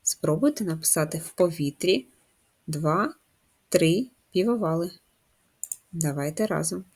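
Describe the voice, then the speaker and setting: A woman teaching young children to write, patient and methodical, walking them through each step and pausing to ask questions. Her voice sits fairly low and has a soft, husky edge. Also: lively intonation. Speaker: primary school teacher. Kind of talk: first-grade writing lesson.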